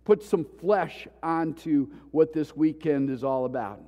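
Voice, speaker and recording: A pastor preaches a sermon in a church sanctuary, his voice high for a man. He speaks slowly and with impassioned feeling, swinging from loud pleas to near-whispers, while the big hall's long reverb rings around him.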